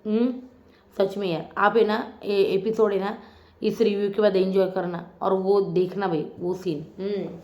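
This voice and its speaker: A woman's voice: mid-range voice, little pitch movement, unhurried, dark tone, roomy sound. A woman chatting casually as she reviews a reality show episode, teasing and mimicking the contestants.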